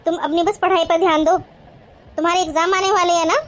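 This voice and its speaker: A woman's voice: extremely high pitch, flat delivery, quick pace. A woman voicing a young married woman in a cartoon, a caring but strict sister-in-law who scolds in a bossy yet affectionate way. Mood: scolding.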